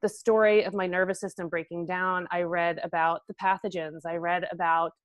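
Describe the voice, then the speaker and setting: A woman in her thirties talks as a guest in an interview, earnest and loose, with plenty of "um" and "like." Her voice sits a little low. The sound is dry and close, with no room in it. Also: flat delivery, normal speed, no echo. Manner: earnest, frequent fillers like "um" and "like". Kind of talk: casual interview conversation.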